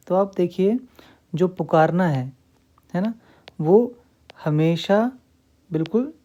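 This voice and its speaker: A man's voice: fairly high pitch, dark tone, lo-fi sound. A man teaching a grammar lesson, repeating key points and asking and answering his own questions while checking in often with the listener.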